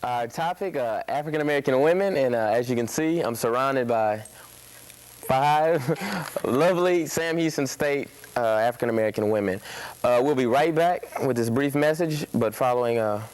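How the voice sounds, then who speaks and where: A young man hosting a college TV talk show, halting, with many fillers. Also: medium pitch, darkish tone, rough recording. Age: young adult. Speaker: student TV host.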